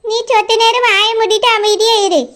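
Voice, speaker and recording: A high, bright cartoon voice of a sharp-tongued old grandmother, as a woman puts her on. She scolds and laments in a broad Tirunelveli accent. Her tone is bossy throughout. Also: fairly even intonation, moderate pace. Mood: scolding, lamenting. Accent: Tirunelveli Tamil.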